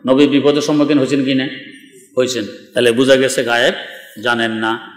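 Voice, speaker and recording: A male preacher delivers a sermon in an emphatic, argumentative and at times mocking way. His voice sits at an ordinary middle pitch. The recording rings with a long hall reverb and plenty of room echo. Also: steady tone, brisk. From Bangladesh. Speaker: Islamic preacher.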